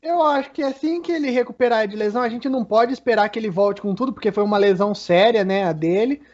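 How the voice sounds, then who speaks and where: Very high-pitched Brazilian man, dull audio. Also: fast, darkish tone. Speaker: football show co-commentator. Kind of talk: casual match analysis. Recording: dull, low-fidelity audio.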